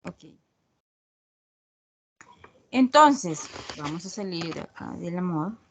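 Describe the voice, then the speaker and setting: A woman's voice: lowish voice, lively intonation, slow, a little hiss or hum. A woman teaching an online English grammar class in Spanish, patiently checking in with her students after each point. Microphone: video call.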